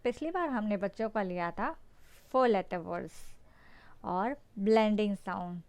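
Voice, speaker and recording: A woman's voice: mid-range voice, unhurried, darkish tone. A woman hosting a phonics lesson for parents, spelling words out letter by letter. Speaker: teacher and channel host.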